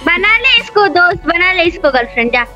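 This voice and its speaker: A woman's voice: extremely high pitch, big pitch swings, brisk, pushed and bright, lo-fi sound, soft background music. A woman in casual game voice chat, scolding a friend in a hurt, curt way. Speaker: game squad member.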